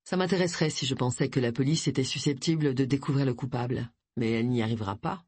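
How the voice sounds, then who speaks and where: A reader voicing Tilly, a gruff middle-aged village woman who is blunt and scornful, speaking in a low, curt voice. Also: quick pace, darkish tone, no room sound, close to an everyday voice. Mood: bitter. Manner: curt, dismissive, grumbling.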